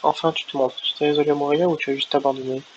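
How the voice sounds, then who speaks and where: A man's voice: fairly high pitch, little pitch movement, very fast, natural voice. A man voicing a battle-hungry, mocking warrior captain, reading game dialogue aloud with a taunting edge, on a lo-fi recording. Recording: lo-fi with faint hiss.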